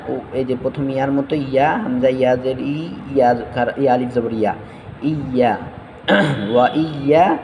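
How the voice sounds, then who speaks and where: A man teaching Quran recitation, spelling out letters syllable by syllable and chanting verses slowly between quick explanations. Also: mid-range voice, warm tone, in a large hall, slight background noise, poor audio.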